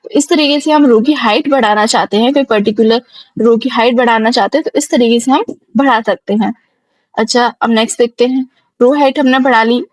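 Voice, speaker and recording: Young woman tutor, slightly high voice, dry close mic, patient step-by-step explainer. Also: brisk, no echo. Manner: repeats herself, explains step by step. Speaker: computer teacher. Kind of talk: screen-recorded software tutorial.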